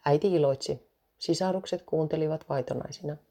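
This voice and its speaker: Woman storyteller, low mellow voice, steady scripted read. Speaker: narrator.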